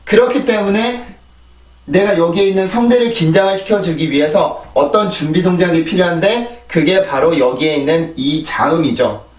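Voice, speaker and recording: Guy teaching pronunciation, kinda high voice, lots of echo, sounds a bit far off from the mic. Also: normal speed. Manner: explains step by step, repeats drill sounds, asks "right?" often. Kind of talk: pronunciation lesson.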